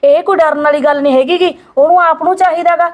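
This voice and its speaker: In a homemade family drama, a woman plays an outspoken young village woman who talks bluntly, scolding and insisting. Her voice is very high and her tone steady, and she speaks fast.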